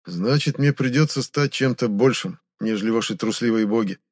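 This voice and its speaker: Brief: vengeful former slave, speaks low and even, unmoved, read by a man. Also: normal speed, dry recording, studio quality, lightly acted. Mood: cold. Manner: quiet, flat and detached. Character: calm cold half-blood male slave, vengeful.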